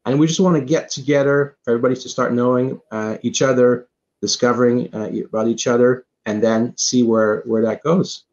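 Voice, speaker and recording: A man hosting an online meeting, speaking in a relaxed way with many fillers. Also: medium pitch, fairly quick, muffled recording. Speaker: meeting host. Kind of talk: casual video call chat.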